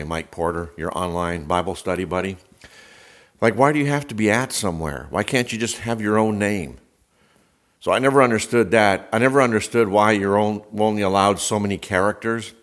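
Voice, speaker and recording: Low-voiced middle-aged man, folksy and rambling. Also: a bit bright. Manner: folksy, rambling, wry self-deprecating humor. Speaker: Bible study podcast host and speaker. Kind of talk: casual conversational podcast monologue. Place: indoors in a church fellowship hall by a fireplace. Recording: slightly echoey fellowship hall.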